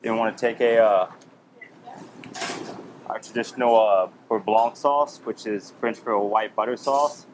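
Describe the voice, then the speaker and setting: A man's voice: fairly low pitch, fairly even intonation, unhurried, long pauses, a little hiss or hum, rough recording. A man working as a chef, walking through a cooking demonstration step by step with easy fillers.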